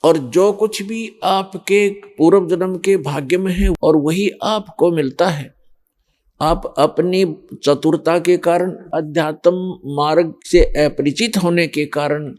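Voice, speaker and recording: A male preacher delivers a religious sermon at a very unhurried, deliberate pace. His voice is soft and mellow, pitched somewhat high for a man. He explains each point with patient, measured emphasis. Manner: slow, measured, explanatory preaching with scripture quotes. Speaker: spiritual preacher.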